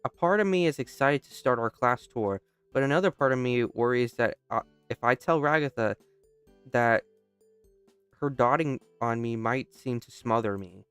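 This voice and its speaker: A man's voice: medium pitch, moderate pace, fairly bright tone, smooth, no room sound, soft background music. A young man reading a story game aloud, casually stopping to joke and restart lines. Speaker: gamer. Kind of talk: casual let's-play narration.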